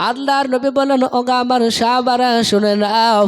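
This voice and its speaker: A man preaching a sermon, telling a story in a chanting, singsong delivery with drawn-out lines. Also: very high voice, fairly even intonation, faint music behind. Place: outdoor gathering.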